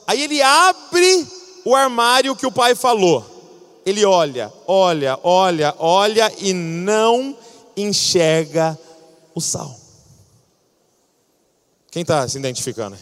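A male preacher delivering a sermon with animated storytelling. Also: high voice, slow, pauses often. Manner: animated storytelling, acting out scenes. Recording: long reverb of a large hall.

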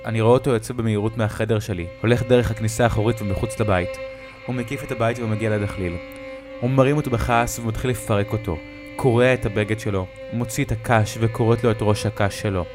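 A man narrates a horror story in a slow, dramatic way, with a fairly low voice. Faint music plays softly underneath him. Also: steady tone.

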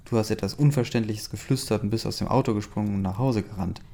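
A man reading the lines of a persistent, easily offended teenage boy in a low, mellow voice. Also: quick pace, vocal fry.

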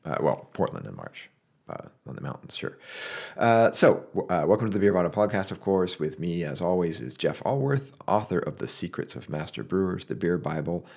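A middle-aged man from Oregon co-hosting a podcast in casual chat, relaxed and joking in his banter. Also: low voice, a little fast, creaky. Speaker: podcast co-host.

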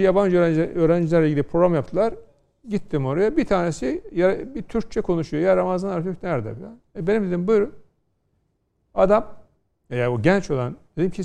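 Middle-aged law prof guy on a tv panel, gravelly, kinda dark tone, lectures w/ lots of rhetorical questions. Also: high voice. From Turkey, Konya. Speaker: law scholar guest. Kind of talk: studio panel discussion.

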